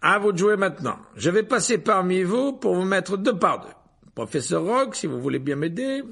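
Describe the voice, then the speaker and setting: A man's voice: high-pitched, very animated, moderate pace, a bit bright, pitched above the performer's own voice, full character voice. A man doing a pompous vain wizard teacher. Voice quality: pompous, flustered throat clearing.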